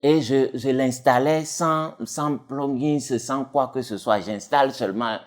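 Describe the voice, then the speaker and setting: A man talks casually as an interview guest. He rambles, restarting sentences and leaning on fillers as he explains his dubbing work. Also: unhurried. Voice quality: deep voice. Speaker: dubbing actor and technician, guest.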